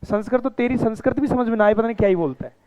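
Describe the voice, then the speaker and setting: A man's voice: very high voice, very fast, darkish tone, clear, resonant tone, dull audio. A man teaching a class, mixing the lesson with teasing and scolding of his students. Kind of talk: classroom lecture with banter.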